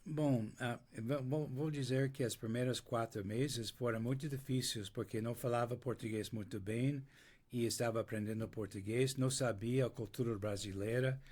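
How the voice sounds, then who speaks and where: An older man from the United States, a native English speaker, is an interview guest telling his story in Portuguese with an American accent. Slow and full of restarts and word-searching pauses, his mid-range voice has fairly even intonation and is a little mellow.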